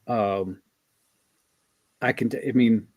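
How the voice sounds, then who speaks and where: Gentle man hosting an interview. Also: medium pitch, fairly even intonation, slow, no room sound. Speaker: interviewer host. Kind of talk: casual interview chat.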